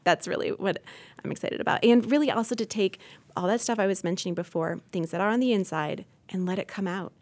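A woman in her thirties, a podcast guest, talking earnestly and thoughtfully on a faith podcast, pausing and restarting as she thinks. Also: mid-range voice, darkish tone. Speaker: podcast guest, incoming host.

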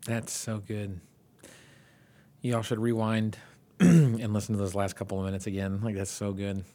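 A man's voice: fairly low pitch, steady tone, normal speed, dark tone. A man hosting a faith podcast, interviewing a guest in an encouraging, affirming way. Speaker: podcast host.

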